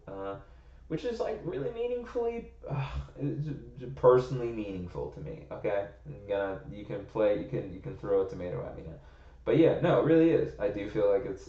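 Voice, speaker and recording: His voice is on the low side and mellow as he rambles through a relaxed podcast chat, working things out aloud and packing his speech with "like." He's a young American co-host, captured in a roomy, somewhat muffled recording.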